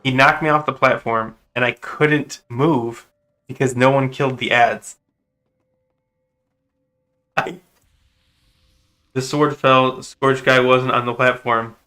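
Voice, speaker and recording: Bright-voiced exasperated male gamer. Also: medium pitch, a little slow, long pauses, clear, resonant tone. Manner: exasperated, venting, then calming himself down. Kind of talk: live gameplay commentary.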